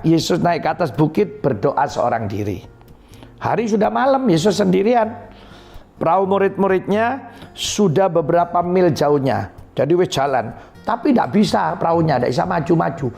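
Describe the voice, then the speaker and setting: A man's voice: a little high, animated, moderate pace, vocal fry, darkish tone, faint music behind. A male pastor with an East Javanese accent, animatedly retelling a Bible story in a sermon and driving points home with repeated phrases. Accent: East Javanese Indonesian.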